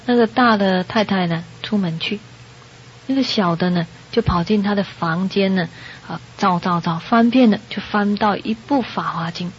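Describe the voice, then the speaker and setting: A woman giving a Buddhist sermon to an audience, telling a story in a lively way and acting out the characters' lines. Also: mid-range voice, a little hiss or hum. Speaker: Buddhist dharma teacher. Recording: dull lo-fi recording.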